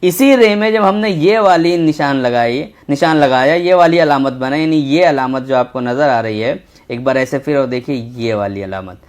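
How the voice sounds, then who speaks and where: A man teaching a children's Urdu lesson, patient and slow, repeating each letter as he writes. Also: mid-range voice. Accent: Indian Urdu. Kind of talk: textbook lesson for young children.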